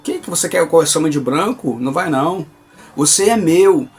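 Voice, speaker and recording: A man's voice: a little high, lively intonation, moderate pace. A man quoting Satan, a menacing demon lord. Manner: menacing, possessive commands.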